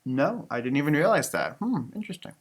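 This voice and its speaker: A man reads a children's storybook aloud with a lively, swooping delivery, sounding like a teacher as he exaggerates and repeats phrases for young listeners. His voice is fairly high for a man, he talks fast, and there's a breathy edge to it.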